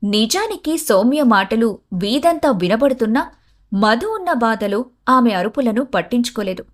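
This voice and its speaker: A woman's voice: a little high, animated, moderate pace. A woman narrating a family moral story, reading it with drama. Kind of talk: scripted story narration with voiced characters.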